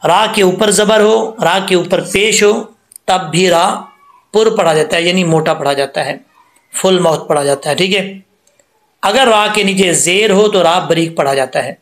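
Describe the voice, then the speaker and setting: A man teaches Quran recitation, drawing out syllables and repeating them patiently. His voice sits high, and it rings around a reverberant room. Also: a little slow. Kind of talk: tajweed lesson explaining letter sounds.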